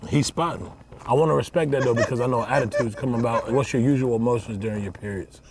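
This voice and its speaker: A man's voice: medium pitch, fast, heavy background noise. A man hosting livestream auditions in a casual comedic interview style, blunt, teasing and full of slang and swearing. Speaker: host judging auditions on a livestream.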